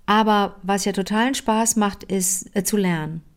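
A woman, a comedian, bantering casually and quick-wittedly with her friend on a phone call. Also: mid-range voice. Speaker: comedian, regular caller. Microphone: phone line.

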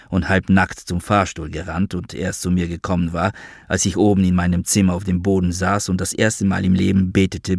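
A man reading a first-person novel aloud as an audiobook narrator, in a wry, measured telling. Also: sits low, no room sound, clean studio sound.

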